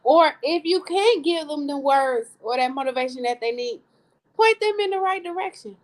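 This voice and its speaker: A woman's voice: high voice, animated, moderate pace, poor audio. A woman co-hosting a live online talk show, speaking earnestly and repeating phrases for emphasis. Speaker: co-host. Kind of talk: casual live-stream talk.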